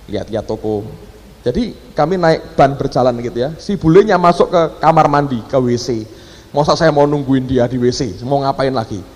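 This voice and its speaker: A man's voice: medium pitch, moderate pace. A male pastor preaching a sermon, telling a story, acting out the dialogue and calling out to the congregation as he goes. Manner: animated storyteller who acts out quoted dialogue and keeps addressing the congregation. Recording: long hall reverb.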